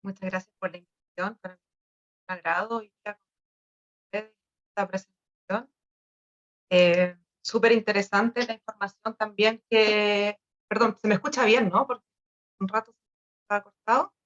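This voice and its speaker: A woman's voice: mid-range voice, normal speed, pauses often. Woman on a choppy video call. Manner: relaxed, conversational, with frequent hesitations. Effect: choppy, breaking-up video-call audio. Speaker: invited webinar speaker. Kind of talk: webinar presentation. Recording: dull lo-fi video-call audio.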